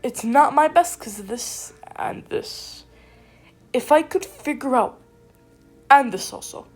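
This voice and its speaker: A woman giving casual gameplay commentary with a stuffy nose, rambling and excitable, often cutting herself off. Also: sits high, takes it slowly, husky, faint music behind. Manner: rambling, excitable, self-interrupting. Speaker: gaming video creator.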